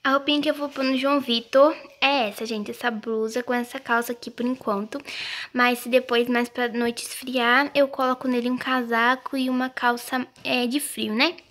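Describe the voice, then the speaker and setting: A female vlogger in a casual role-play vlog, talking softly and gently in a motherly, coaxing way to her children and her viewers. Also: fairly high pitch, flat delivery, moderate pace.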